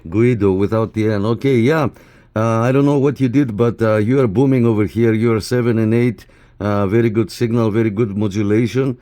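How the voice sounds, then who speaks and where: A man with a fairly low, mellow voice talks a little fast with fairly even intonation. As a CB radio operator and YouTube channel host, he makes casual radio contacts indoors at his set and chats informally with viewers, repeating call phrases. Radio clicks and background noise are clearly audible.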